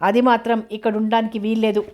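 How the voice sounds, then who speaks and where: A woman's voice: fairly high pitch, little pitch movement, fast, darkish tone, lightly acted. A woman voicing a harsh, domineering middle-aged aunt who scolds and sneers, in a novel reading. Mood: furious. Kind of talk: audiobook character reading.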